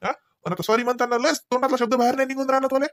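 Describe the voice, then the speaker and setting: A man's voice: very high voice, level tone, a bit bright, a little hiss or hum. A man voicing a scolding cartoon husband. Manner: nagging, lecturing, rapid scolding. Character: scolding husband Ravi, grown man, short-tempered. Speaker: voice actor. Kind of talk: cartoon voice acting.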